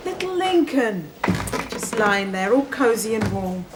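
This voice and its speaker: An actress playing a soft-hearted theatre nurse, gentle and teasing. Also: female voice, medium pitch, sing-song, unhurried, very noisy. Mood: doting.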